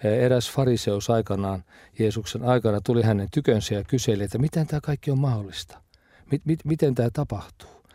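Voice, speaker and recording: A man preaching a sermon in a reflective, measured way, sometimes dropping to a soft near-whisper for emphasis. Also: medium pitch, dry recording, studio quality.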